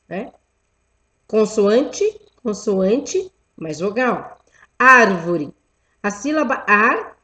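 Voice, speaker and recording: A woman, lecturing teachers in a deliberate way and checking in with rhetorical questions. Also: a little high. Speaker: teacher educator. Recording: dull lo-fi recording.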